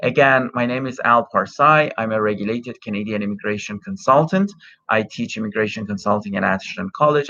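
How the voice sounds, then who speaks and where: Speaking into his phone, a middle-aged man with Farsi as his first language reads out and answers viewer questions during a livestream Q&A for his immigration consulting. His voice sits on the low side with a sharp tone, and his delivery is hesitant, peppered with fillers and restarts. The recording has a dull, lo-fi phone quality.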